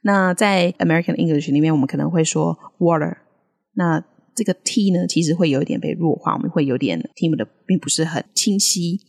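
A woman co-hosting a casual podcast lesson, modelling English words slowly between frequent laughs. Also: deep voice, vocal fry, darkish tone, breathy edge. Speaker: podcast co-host teaching English accents. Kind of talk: casual language-lesson chat.

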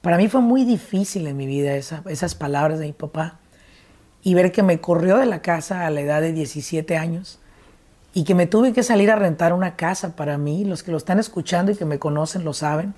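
A woman's voice: lowish voice, fairly quick, dark tone. A woman from Mexico with a Mexican accent hosting an interview, earnest and reflective as she shares her own story. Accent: Mexican Spanish. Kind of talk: conversational interview and personal story.

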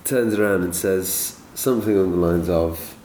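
A man with a very low voice picks his way through his thoughts, pausing on uh and um as he goes. He sounds a bit distant from the mic in a reverberant room. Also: dark tone, slight background noise. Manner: slow, hesitant, fills pauses with uh and um. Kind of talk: casual film discussion. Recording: roomy, slightly distant.

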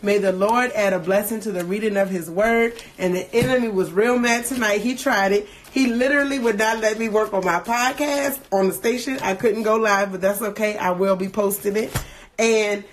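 Animated woman reading scripture aloud. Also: medium pitch, slight background noise. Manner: slow, deliberate when reading scripture, quick and animated in asides. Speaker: podcast host leading a devotional livestream. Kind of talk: scripture reading with devotional talk. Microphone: phone livestream.

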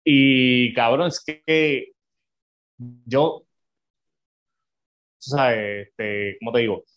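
A man's voice: mid-range voice, extremely slow. A man with a Puerto Rican accent co-hosting a casual podcast, swearing constantly and talking emotionally. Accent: Puerto Rican Spanish. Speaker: podcast co-host. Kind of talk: casual chat. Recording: slightly dull lo-fi audio.

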